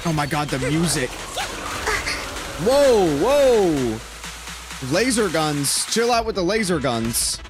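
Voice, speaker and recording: A game streamer reacting excitedly out loud, swearing and talking to the characters on screen. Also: medium pitch, moderate pace, hardly any pauses. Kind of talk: casual reaction commentary. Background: game music.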